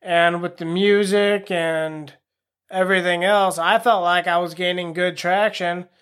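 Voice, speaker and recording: High-voiced man rambling on his podcast. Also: steady tone, unhurried, fairly bright tone, clear, resonant tone. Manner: rambling, self-deprecating, frank. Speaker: podcast host. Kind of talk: casual solo podcast monologue. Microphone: home podcast microphone.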